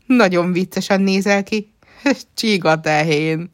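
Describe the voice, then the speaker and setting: A woman's voice: low voice, lively intonation, dry recording, clean studio sound. A woman voicing a hot-tempered, cheeky little girl fairy who shrieks and teases. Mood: teasing. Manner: shrieking, teasing.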